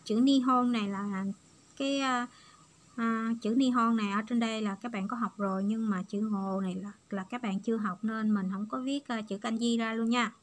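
A woman's voice: a little high, fairly even intonation, normal speed. Patient woman teaching. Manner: patient, step-by-step explaining. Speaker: Japanese language teacher. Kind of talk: explanatory online lesson.

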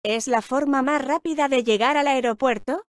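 A woman reading short travel phrases slowly, repeating each one word by word in a careful drill. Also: high voice, no room sound, clean studio sound. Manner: slow, careful, clearly enunciated. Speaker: language teacher voice.

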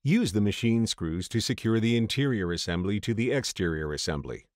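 A man reading a scripted voice-over for a step-by-step installation tutorial, in a steady, measured way. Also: lowish voice, no room sound, studio quality. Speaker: tutorial narrator.

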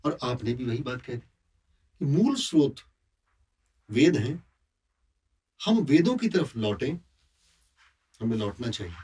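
A man at a religious gathering expounding his view with animated delivery. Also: mid-range voice, slow, long pauses, slightly rough, recorded from a distance. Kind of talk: discussion talk.

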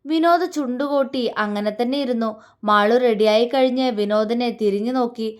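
A woman storyteller reading a romance story aloud in a soft, gentle manner. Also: on the high side, moderate pace.

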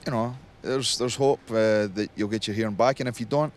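A man being interviewed, talking in a relaxed, rambling way with many fillers, recorded outdoors at a festival. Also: medium pitch, fairly quick. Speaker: interviewed singer. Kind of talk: casual interview.

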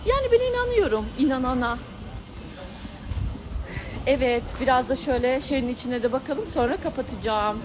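Here a middle-aged Turkish woman, a vlogger and astrologer, talks to her followers in an animated, high-sitting voice at normal speed, pausing often and giggling in casual travel-vlog fashion. Outdoors at a mountain viewpoint, she films herself with a handheld gimbal camera, and loud vehicle and urban noise surrounds her.

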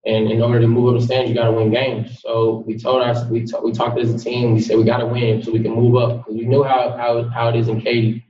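A young man answers questions as a college player after a game, steady and plainspoken. His pitch barely moves. The sound is dull and distant in a roomy space. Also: fast, few pauses. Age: young adult. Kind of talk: postgame press conference. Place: press conference room.

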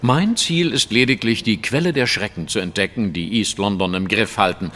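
A man plays a confident, sharp-witted English detective for an audio drama, holding forth precisely and eloquently as if lecturing. His natural voice sits on the low side and is slightly bright, at normal speed, with a composed, grave mood and a little hiss or hum in the recording.

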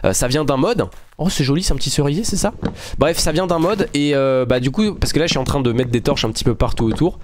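A man's voice: fairly high pitch, fast, a little hiss or hum. A man hosting a gaming channel, chatting casually and thinking aloud to his viewers as he builds in a game. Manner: friendly, addresses viewers directly. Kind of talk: casual gameplay commentary.

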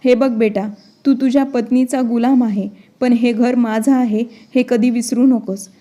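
A woman narrates an elderly widowed mother, firm and defiant. She scolds in a slightly high voice with little rise and fall. The tone stays mellow and even. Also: a little slow, close to an everyday voice. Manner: forceful, scolding reading.

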